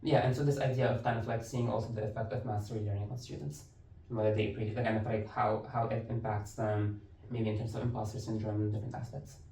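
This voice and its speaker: A young man from Lebanon chats easily as a podcast guest, peppering his thoughts with "like". His voice sounds mellow and a little dark. It is picked up from some distance in a room with noticeable echo. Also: on the low side, level tone, fast talker, a little hiss or hum. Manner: easygoing, fills speech with "like" and "it's like". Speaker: university instructor, podcast guest. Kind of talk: casual interview conversation. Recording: roomy, distant mic.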